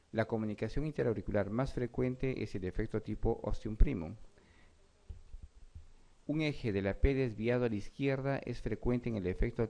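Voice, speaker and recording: A medical lecturer with a fairly low, creaky, dark-toned voice gives an exam review lecture. He reads the questions, explains them, and checks in with his students often.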